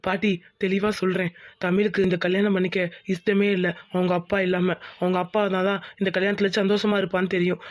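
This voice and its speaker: A voice actor playing an earnest young village groom in a cartoon. He rattles quickly through his explanations in a flat, even tone. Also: mid-range voice, natural voice. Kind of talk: cartoon voice acting.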